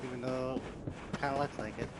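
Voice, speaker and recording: A worn-out man talks his way through a video game in a loose, hesitant ramble, often stopping mid-thought. His voice sits at an ordinary pitch, and loud background noise runs steadily under the recording. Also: steady tone, a little fast. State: tired. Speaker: let's play host. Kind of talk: casual gameplay commentary.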